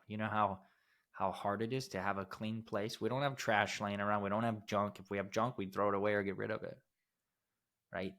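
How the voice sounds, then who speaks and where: A man's voice: lowish voice, fairly bright tone. A man co-hosting a podcast who talks in a blunt, emphatic way, with some casual swearing. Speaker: podcast co-host, steel fabrication company owner.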